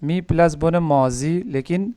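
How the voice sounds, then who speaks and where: Male tutor on a video call, smooth resonant voice, patient and methodical, slows to spell out each word. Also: fairly high pitch, warm tone. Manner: patient, slow drilling of verb forms, word by word. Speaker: Persian tutor. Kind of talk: online one-on-one language lesson.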